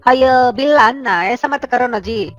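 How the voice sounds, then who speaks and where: A whiny, persistent cartoon neighbor, voiced by a woman begs in Hindi with a South Indian-styled accent. He stays overly polite and nags on and on. His voice is pitched up high, with faint music behind it. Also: moderate pace, a bit bright, no echo, highs cut off. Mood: pleading. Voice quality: whiny, polite, adds "ji" constantly. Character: pleading, persistent male neighbor Chodumal. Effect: high pitch-shifted cartoon voice.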